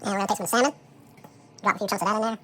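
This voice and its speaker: Sped-up chipmunk voice, fast and bright. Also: slight background noise. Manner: relaxed, thinks aloud with frequent "um" and "so". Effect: sped-up chipmunk voice, high and fast. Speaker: home cook preparing dog food. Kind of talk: casual how-to commentary while working.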